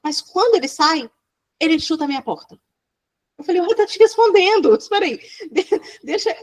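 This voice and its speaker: A middle-aged woman talks in a fairly high voice. She is a child psychologist who tells her stories with lots of energy, acting out each voice she quotes, and she laughs often. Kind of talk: animated storytelling in a podcast interview.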